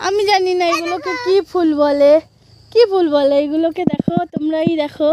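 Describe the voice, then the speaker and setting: Hoarse woman vlogger, high-pitched, playful mock-complaining, filmed outdoors on a phone. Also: fairly even intonation, fairly quick, highs cut off, background noise. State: hoarse from a cold. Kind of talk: casual vlog chat to viewers. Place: outdoors in open farm fields.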